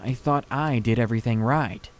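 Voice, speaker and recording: A man reads a creepy story aloud, slowing down for the tense parts. His voice is mid-pitched and steady, with faint noise underneath. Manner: slow, dramatic storytelling delivery. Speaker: story reader. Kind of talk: reading a scary story aloud.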